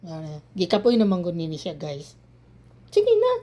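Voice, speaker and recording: A woman's voice: lowish voice, huge pitch swings, moderate pace, background noise. A woman from the Philippines filming a home vlog, playfully coaxing her dog to howl and making long howling sounds herself. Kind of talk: casual home vlog talk to a pet.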